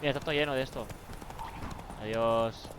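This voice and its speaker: A man's voice: medium pitch, steady tone, fairly quick, background noise. A young man with a Spain accent, giving slangy, jokey commentary while playing a game. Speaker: streamer. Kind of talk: casual let's play commentary. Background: game music.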